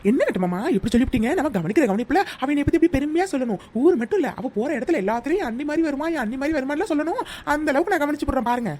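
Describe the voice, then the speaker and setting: A woman's voice: high-pitched, animated, very fast. Woman playing a bossy young village wife. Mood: boastful. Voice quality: loud, scolding village banter. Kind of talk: cartoon voice acting.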